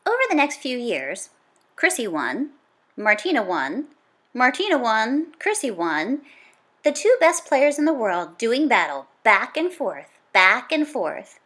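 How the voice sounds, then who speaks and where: Narrating a nonfiction book for children, this female reader has a slightly high pitch and very lively intonation. She punches out exclamations and draws out important words for dramatic emphasis.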